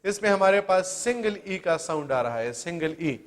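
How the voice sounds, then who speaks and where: A man's voice: high voice, lively intonation. A man teaching an English spelling lesson, asking the class questions and answering them himself, spelling words out letter by letter.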